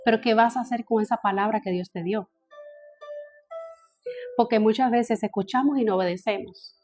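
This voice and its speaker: A woman's voice: fairly high pitch, moderate pace, over music. A woman teaching a Bible study, often repeating phrases and checking in with her listeners.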